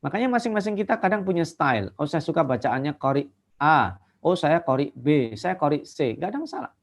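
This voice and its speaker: A man giving an online religious lecture. He explains at length and slowly chants short verses to show different ways of reciting. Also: a little high, lively intonation. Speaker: Islamic teacher. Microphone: video call.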